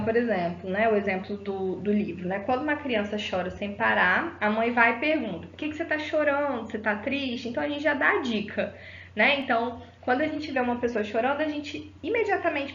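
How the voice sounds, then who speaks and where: A woman with a fairly high voice talks through a psychology lecture in a didactic way, often checking in with the listener through rhetorical tags. The room sounds echoey, and the audio is slightly dull, with a faint hiss behind her. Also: fairly bright tone. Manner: didactic, frequent rhetorical tag "né?" and fillers. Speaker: psychology teacher. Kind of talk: explanatory lecture.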